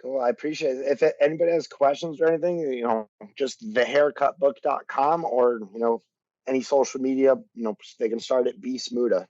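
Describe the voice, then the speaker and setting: A man's voice: medium pitch, fairly even intonation, brisk, a little mellow, dry recording, dull audio. A man who is a motivational speaker, talking earnestly as a podcast guest and using many fillers. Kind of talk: casual interview chat.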